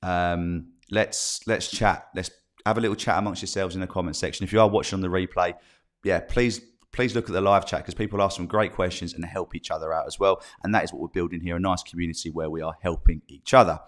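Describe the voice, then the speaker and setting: A man's voice: low voice, steady tone, quick pace. A middle-aged man with an Essex accent and a slight cold in his voice, hosting an informal live stream news bulletin for viewers. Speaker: live stream host, property agent.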